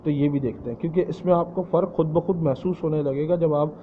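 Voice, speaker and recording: A man's voice: on the high side, fairly even intonation, phone-quality sound, a little hiss or hum. A man teaching English in Urdu, often repeating words for emphasis and slipping in English phrases. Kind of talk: spoken lesson explaining English in Urdu.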